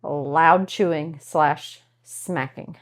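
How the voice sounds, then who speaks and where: A married woman co-hosting a casual chat podcast, animated and quick to laugh, acting out what others say. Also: sits low. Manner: animated, laughs often, acts out quotes. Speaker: podcast co-host.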